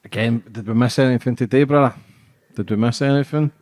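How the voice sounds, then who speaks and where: A man hosting a podcast, asking his guest questions in a relaxed, friendly way. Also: medium pitch, a little fast. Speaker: podcast host. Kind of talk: casual podcast interview.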